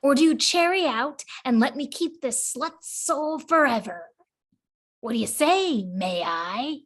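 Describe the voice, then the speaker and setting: A woman's voice: high-pitched, lively intonation, a bit bright, full character voice. A woman playing a vengeful possessed woman in a demonic voice, taunting her enemy in a comedic audio play. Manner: demonic voice, slow and menacing.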